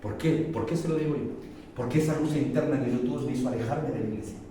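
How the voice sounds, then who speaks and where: A middle-aged man with a Chilean accent, preaching a sermon as pastor, shifting from loud emphatic peaks to low confiding testimony. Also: quick pace. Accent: Chilean Spanish. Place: church hall. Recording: echoey church hall, mic far off, faint noise.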